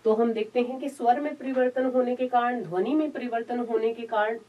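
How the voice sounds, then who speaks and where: A woman lecturer teaches at an unhurried, careful pace, restating each point and stopping on filler sounds as she explains. Her voice sits a little high. It is caught from some distance in a dull, lo-fi recording. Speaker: college lecturer.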